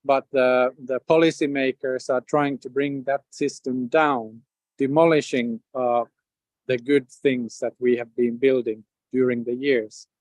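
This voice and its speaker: Finnish man hosting, halting and dry. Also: mid-range voice, fairly even intonation, a little mellow, no echo, poor audio. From Finland. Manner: halting, many repeated words and fillers. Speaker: host. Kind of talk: hosting a community video event.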